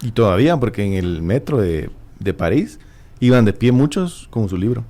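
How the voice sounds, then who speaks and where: A man co-hosting a morning show, who speaks hesitantly and backs up to rework what he says. His voice sits a bit low. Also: sing-song, moderate pace, dark tone. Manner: hesitant, restarts his phrases. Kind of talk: casual studio conversation.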